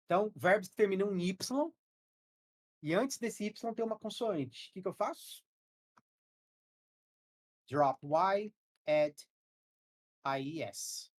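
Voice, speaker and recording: Brazilian woman, online English teacher on a headset, slightly low husky voice, patient step-by-step explaining. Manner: explains grammar rules step by step, checking in with students. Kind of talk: live online class.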